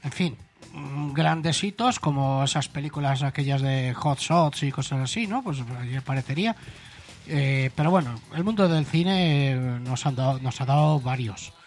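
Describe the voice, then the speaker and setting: A man hosting a casual radio chat, irreverent and filling pauses with hesitant "eh". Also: mid-range voice, soft background music. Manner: chatty, irreverent, with frequent hesitant "eh" fillers. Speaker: radio show host.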